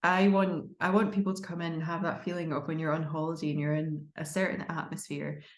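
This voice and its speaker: A woman's voice: sits low, little pitch movement, a little fast, reverberant. A woman with a Glaswegian Scottish accent chatting enthusiastically and expressively as an interview guest. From Glasgow, Scotland. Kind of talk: casual conversational interview.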